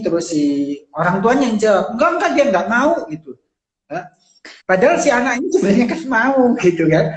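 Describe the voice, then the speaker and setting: A man talks through his subject in a relaxed, explaining way, dotting his sentences with fillers and slipping into quick acted-out examples. His voice sits a little high for a man. The room around him rings with echo. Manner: conversational, many fillers, acts out quoted lines. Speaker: psychology speaker. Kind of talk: casual explanatory talk on a live stream.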